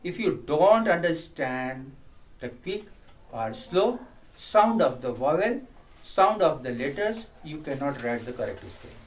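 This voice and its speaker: Very slow Indian man teaching spelling. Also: on the high side, very animated. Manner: switches between Hindi and English, repeats words to drill sounds. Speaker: English teacher. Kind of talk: spelling lesson. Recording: distant mic, faint background noise.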